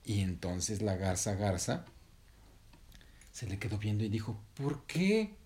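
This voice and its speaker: A man gently telling an improvised bedtime story to his child, pausing to correct himself. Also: lowish voice, steady tone. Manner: gentle, unhurried, self-correcting.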